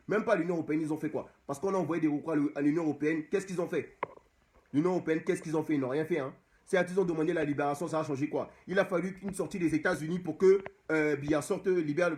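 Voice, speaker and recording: On the high side and darkish in tone, this young man from Cameroon, an activist living abroad, speaks directly into the camera. His impassioned monologue urges on his audience through phrases repeated over and over.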